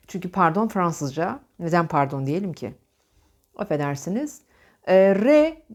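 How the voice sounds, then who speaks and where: A woman's voice: medium pitch, a little mellow. A woman with a Turkish accent teaching diction, demonstrating sounds with repeated drills and coaching the viewer directly. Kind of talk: diction lesson with speech drills.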